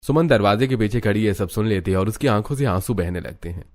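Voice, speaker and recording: Guy narrating a cartoon story, calm and low, faint music behind. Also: quick pace, no room sound.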